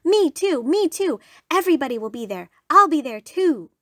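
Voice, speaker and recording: A woman voicing an eager young female iguana who copies everyone, with excited, squealing repeated cries. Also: high voice, a little slow, no room sound, studio quality, exaggerated voice.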